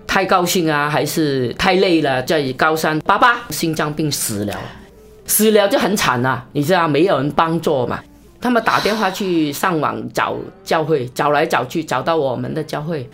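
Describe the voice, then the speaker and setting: A woman evangelist telling a story in an interview, with a lively delivery, big pitch swings and quick, repeated phrases. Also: faint music behind.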